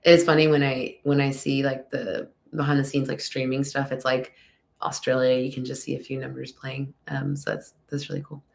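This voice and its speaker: A young woman with a low, gravelly voice answers fan questions live, rambling between ums. She is congested and has a slight lisp. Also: flat delivery, normal speed, darkish tone. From Texas. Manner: chatty, rambling, many ums. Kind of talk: casual live Q&A chat.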